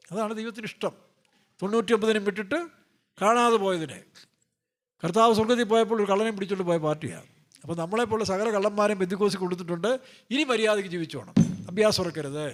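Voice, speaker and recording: A male pastor preaching a sermon in a loose, joking way, firing off rhetorical questions and playfully acting out scripture characters. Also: high voice.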